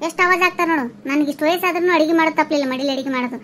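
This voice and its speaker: In a comic cartoon, a woman voices a grumbling old village housewife who rattles off gossip and scolding at a racing pace in a high, thin, fairly bright voice. She has a North Karnataka Kannada accent and a tongue quick to fire back. Faint room ambience and a little hiss or hum sit behind her.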